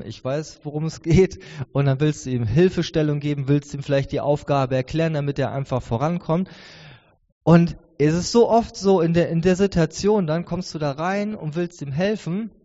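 A man in his thirties delivers a conversational, earnest sermon, his voice sitting a little high yet mellow in tone. The sound is dull and carries the long reverb of a large church hall. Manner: earnest, conversational preaching with many restarts. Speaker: preacher.

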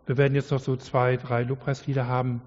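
A man's voice: mid-range voice, flat delivery, a little fast, darkish tone, a little hiss or hum. A man preaching a sermon to his congregation in an earnest, conversational way, often adding "ja". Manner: earnest, conversational with many "ja" fillers. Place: church hall. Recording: distant lo-fi hall recording.

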